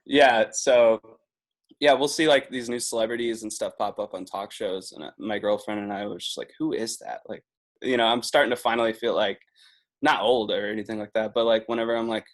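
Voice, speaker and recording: A man in his twenties talks as a podcast guest in a relaxed, meandering way. He laughs often and keeps reaching for "like" as he goes. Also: fairly low pitch, fairly quick. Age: 20s. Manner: chatty, laughs often, leans on filler "like". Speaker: podcast guest, video producer. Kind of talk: casual podcast chat.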